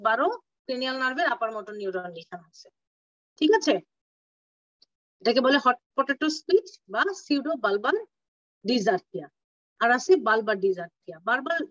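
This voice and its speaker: A woman gives an online clinical lecture, slowing down to spell out medical terms and stopping to ask if everyone follows. She sounds set back from the mic on a dull, lo-fi call with a dry, dead sound. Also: high voice, fairly bright tone, dry recording. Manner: explains terms slowly, mixing English terms, checks understanding. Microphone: video call. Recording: distant, dull lo-fi audio, dry.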